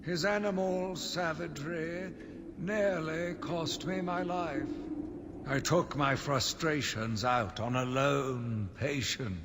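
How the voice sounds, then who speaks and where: A voice actor plays a villain narrator, a sinister, self-righteous, zealous madman obsessed with punishing monsters, in a scripted video-game audio journal. His slightly high voice is grim and fervent, delivered theatrically and deliberately, brooding with dramatic emphasis. The recording has long, cavernous reverb and clearly noisy background ambience.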